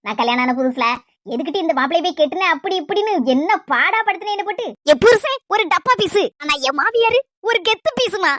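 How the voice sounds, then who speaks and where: Sly gossipy kanyakumari village mom, woman doing it, super high voice, rattles on fast. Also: bright, forceful tone, dry recording, full character voice. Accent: Kanyakumari Tamil. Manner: chatty, mocking, gossipy.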